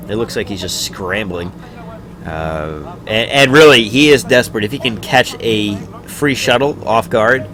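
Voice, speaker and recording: An esports caster with a lowish voice commentates a live game stream alone, with background noise present. He stays laid-back and talkative between plays, gets loud and excited for the big moments, and occasionally hiccups.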